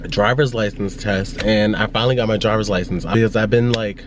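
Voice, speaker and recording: Chatting to viewers from his car and later his home, a young vlogger tells rambling stories peppered with "like" and asides. His voice is lowish and steady in tone, a little fast, with some faint hiss or hum in the recording.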